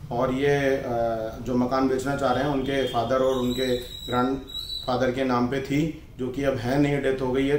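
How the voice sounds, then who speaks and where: In a plain, conversational real estate vlog, a property dealer in his thirties shows off a house for sale, dropping in hesitation fillers as he talks. His voice is medium-pitched with a little background noise, and he starts in an indoor office lined with decorative shelves before heading outside to walk down a lane.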